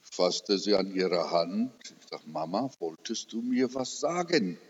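An older man preaching a personal sermon testimony, telling his story slowly and with emotion, rising to emphatic peaks. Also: deep voice, lively intonation, breathy edge. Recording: dull recording with long hall reverb.

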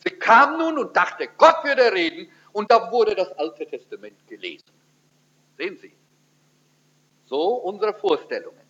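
Animated preacher man, lo-fi sermon recording. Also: a little slow, pauses often. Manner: animated storytelling, pitch swinging widely for emphasis.

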